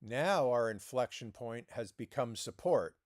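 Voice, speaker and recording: A man's voice: mid-range voice, expressive, a little slow, dry recording, clean studio sound. A man streaming live trading commentary, coaching viewers in an emphatic way and repeating words as he presses his points.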